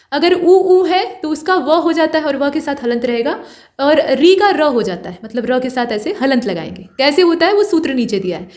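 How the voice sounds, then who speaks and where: A woman teaching a grammar lesson for exam preparation, explaining step by step and repeating key points. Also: high-pitched.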